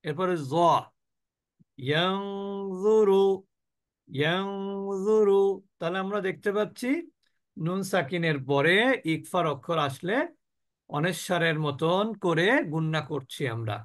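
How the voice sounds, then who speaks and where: Bangladeshi guy teaching quran recitation online, high voice, asks then answers himself, drags out the sounds. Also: fairly bright tone. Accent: Bangladeshi Bengali. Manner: explains rules, then drags out sounds very slowly for the class to copy; asks the class questions and answers them himself. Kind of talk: online tajweed lesson with slow recitation drills.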